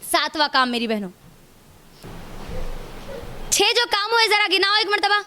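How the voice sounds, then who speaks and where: A woman's voice: extremely high pitch, big pitch swings, measured pace, bright, forceful tone, a little hiss or hum. A woman giving a sermon to a women's gathering, quizzing the audience and repeating phrases for emphasis. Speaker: religious lecturer. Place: function hall. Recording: music audible behind speech.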